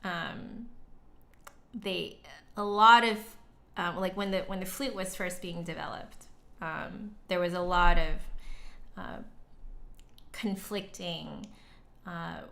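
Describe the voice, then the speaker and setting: Slow and gravelly, with a lowish, fairly bright voice, this flutist and livestream host pauses often. She talks with her chat in a relaxed, reflective, conversational manner.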